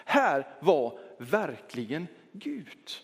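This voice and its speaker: A man preaching a Sunday sermon in a church, reflective, switching between quick talk and slow, stressed words. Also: fairly high pitch, very animated, husky. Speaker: pastor. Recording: long church reverb.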